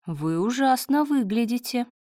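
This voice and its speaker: A man's voice: very high-pitched, lively intonation, measured pace, darkish tone, no room sound, clean studio sound, pitched above the performer's own voice. A woman reading the part of a sarcastic male patient, a former convict, with a sly, mocking manner.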